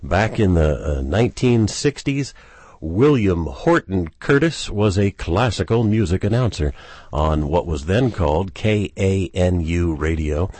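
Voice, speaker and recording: Animated low-voiced man urging listeners to give. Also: unhurried, no room sound. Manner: lively storytelling, upbeat appeals. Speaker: public radio pledge drive host. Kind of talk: casual pledge drive chat.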